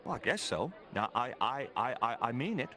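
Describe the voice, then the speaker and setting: A man's voice: medium pitch, very animated, moderate pace, sharp tone. A man voicing a nervous talking goat in a video game, stammering and hesitating in a conspiratorial manner. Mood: conspiratorial, warning.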